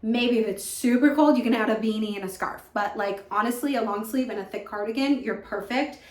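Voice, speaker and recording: A woman's voice: a little high, fairly quick. A young American woman chats casually and gushingly as a fashion vlogger, repeating words for emphasis, recorded in an echoing bathroom without an external microphone. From California. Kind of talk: casual chatty favorites vlog. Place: indoors in a home bathroom.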